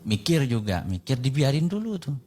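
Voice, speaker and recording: A man's voice: mid-range voice, big pitch swings, normal speed, mellow. A young man telling a personal story in a casual interview, animatedly acting out both sides of a remembered dialogue. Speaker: guest telling his conversion story.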